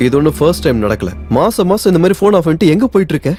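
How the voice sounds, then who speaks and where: A man's voice: on the high side, very animated, very fast, music in the background. An actor dubbing a playful young man teasing and questioning his fiancée. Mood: probing. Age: young adult. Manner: teasing, affectionate. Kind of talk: Tamil film dubbing.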